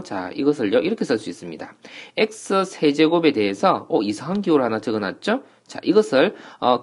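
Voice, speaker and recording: A man records an online math lesson from a small tutoring room. He explains step by step, often pausing to ask the viewer questions. His pitch rises and falls a lot.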